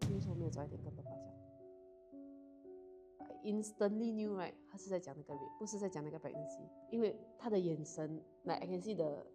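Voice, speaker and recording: Casting: a young woman guest, rapid code-switching speech, fairly low voice. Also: music in the background. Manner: fast, mixes Mandarin and English mid-sentence. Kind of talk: candid personal storytelling.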